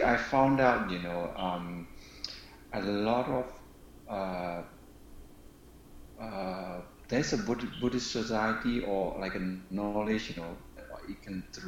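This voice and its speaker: A man from Burma speaks English with a Burmese accent, hesitant and full of restarts and shy laughs. His voice sits very low. The sound is roomy and echoey. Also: a little slow, slight background noise. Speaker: questioner. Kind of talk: casual conversation.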